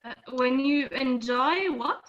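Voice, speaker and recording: A woman teaching English on a video call, patient and explaining slowly with many fillers. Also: sits high, a bit bright, highs cut off. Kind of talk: online language lesson.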